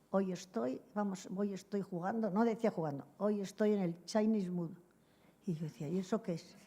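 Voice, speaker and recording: A woman's voice: medium pitch, mellow. An older woman being interviewed, telling long, rambling anecdotes, often laughing and acting out bits of dialogue as she goes. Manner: rambling, digressive storytelling with frequent laughs; acts out quoted dialogue.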